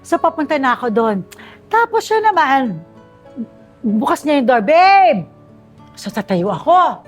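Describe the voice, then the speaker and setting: High-voiced chatty Filipino woman. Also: very animated, moderate pace, soft background music. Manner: chatty storytelling, asks "di ba?" often. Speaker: guest. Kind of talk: casual interview chat.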